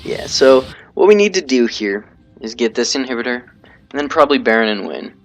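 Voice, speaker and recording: A man with a mid-range voice commentates casually and live over his own gameplay, animated and brisk, with faint music in the background. He explains his tactics as he plays, thinking aloud and poking fun at his own mistakes.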